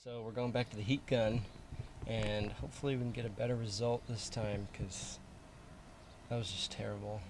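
A young adult fishing vlogger talks loosely to the camera outdoors beside a wall in a yard about his DIY project, with fillers and restarts. His lowish, darkish voice stays fairly even at normal speed, with slight background noise.

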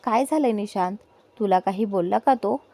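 A woman voicing a caring middle-aged father who asks questions gently, with a mellow tone. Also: mid-range voice, normal speed, lightly acted. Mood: concerned.

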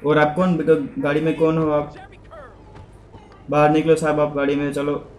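Excitable man narrating his gameplay. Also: a little high, moderate pace. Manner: excitable, chatty, addresses viewers as guys. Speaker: gaming YouTuber. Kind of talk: casual gameplay commentary. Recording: echoey room with faint background noise.

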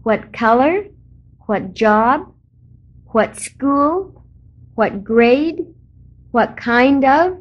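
Woman reading drills, high voice, very slow, dull lo-fi lesson tape. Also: lively intonation. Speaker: American English teacher. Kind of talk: reading a word list aloud for learners.

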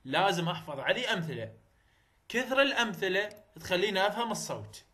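Man, Iraqi Arabic accent, fairly high voice, phonetics lesson, slow repeated examples. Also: expressive, pushed and bright. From Iraq. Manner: repeats example words slowly, coaching directly. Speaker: English teacher.

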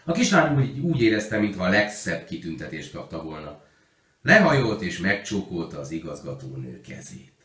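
Low-voiced man reading a children's story. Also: sing-song, fairly bright tone. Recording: roomy echo.

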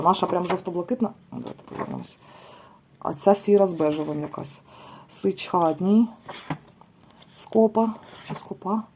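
Woman, young adult, fairly low voice, casual chatty review, reads names in a list, faint background hiss. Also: creaky, warm tone. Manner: chatty, reads bird names aloud one by one, with asides. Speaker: tarot and oracle vlogger. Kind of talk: casual book review, leafing through pages.

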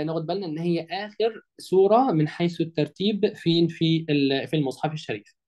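A man with an Egyptian Arabic accent teaching an online Quran lesson. He quizzes his listeners with prompting questions and stretches words out slowly to show how they are pronounced. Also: on the high side, dark tone, lo-fi sound. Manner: drawls words slowly to demonstrate pronunciation.

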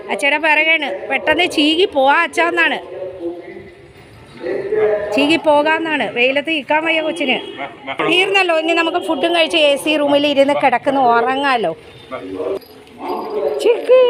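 A woman pet vlogger chatting casually and talking to her dog in doting baby-talk, coaxing and scolding it on a sunny rooftop. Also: high-pitched.

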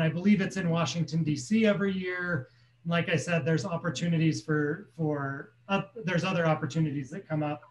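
A man's voice: on the high side, a little hiss or hum. A man in his thirties chairs a community council meeting over a video call from a small room at home, explaining things plainly with many ums. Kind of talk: casual meeting talk. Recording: echoey room.

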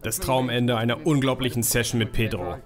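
A man's voice: medium pitch, fairly even intonation, a little fast, over music. A man in his thirties narrating a carp fishing travel vlog, speaking with enthusiasm and exclaiming over big fish. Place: outdoors by a lake.

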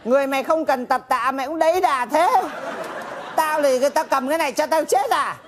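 An actress playing a stern village official who presides over a trial, scolding in a Northern Vietnamese accent. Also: female voice, high voice, a little fast, some chatter behind, a little hiss or hum, natural voice. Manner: scolding, bossy. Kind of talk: stage comedy sketch.

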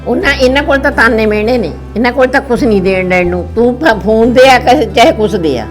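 A woman's voice: fairly high pitch, brisk, music in the background. An older woman with a Punjabi accent playing a mother in a village family drama, complaining and lamenting.

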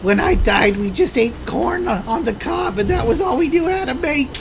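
A woman's voice: sits high, expressive, normal speed, slight background noise, pitched above the performer's own voice. A woman voicing a bored, pleading centuries-old ghost as a theatrical joke over a game. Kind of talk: joking improvised game commentary.

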